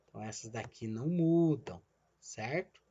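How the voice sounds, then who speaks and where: A man's voice: mid-range voice, normal speed, mellow, highs cut off, a little hiss or hum. A male physics teacher gives a recorded online lesson. He explains each step and checks in with "né?" and "certo?", and he calls himself the teacher in the third person.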